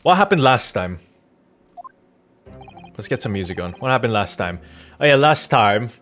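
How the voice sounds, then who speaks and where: A medium-pitched, animated man with a fairly bright tone streams a game at a moderate pace. Rambling, informal and irreverent, he jokes and swears casually while background music plays into his Rode NT1-A studio condenser microphone.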